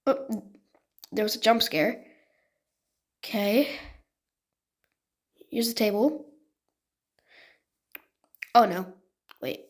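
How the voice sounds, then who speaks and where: Speaking very slowly with long pauses, a medium-pitched woman gives relaxed gameplay commentary and walkthroughs in informal gamer slang. She is a video creator who makes game levels, recorded over background music.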